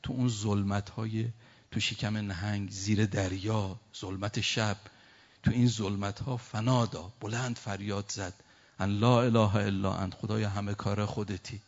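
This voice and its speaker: A low-voiced man delivering a religious sermon. He slows down to recite verses, then explains them with feeling. The recording is dull and lo-fi. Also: level tone. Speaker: preacher.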